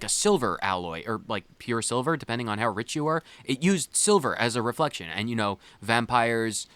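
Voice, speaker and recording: Casting: male let's play host, medium pitch, casual and rambling, joking back at game characters. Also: a bit bright, smooth, dry recording. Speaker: gaming video host.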